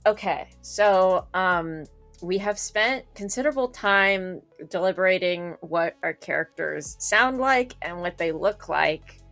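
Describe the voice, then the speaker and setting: Teasing young woman with gravelly fry. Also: lowish voice, animated, a bit bright, no echo, faint music behind. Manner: teasing, quick laughs. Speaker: player on the show. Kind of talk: casual behind-the-scenes chat.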